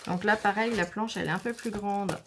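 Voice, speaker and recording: A woman's voice: mid-range voice, steady tone, fairly quick, fairly bright tone, slight background noise. A woman chatting casually through a scrapbooking stamp haul, showing items one by one with frequent fillers. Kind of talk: casual haul video commentary.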